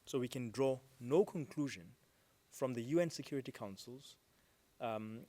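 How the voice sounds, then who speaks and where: A man delivers a formal legal rebuttal in a courtroom, speaking into a desk microphone at a middling pitch. He is measured and deliberate, fills gaps with ums, and leans hard on the words that carry his point. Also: warm tone. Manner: measured, with frequent ums and stresses on key words. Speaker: counsel for a state at a court hearing.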